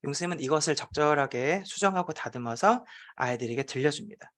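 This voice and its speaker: A man's voice: a little high, lively intonation, fairly quick, a bit bright. A man, a teacher presenting at a forum, telling a playful classroom story with frequent hesitation fillers.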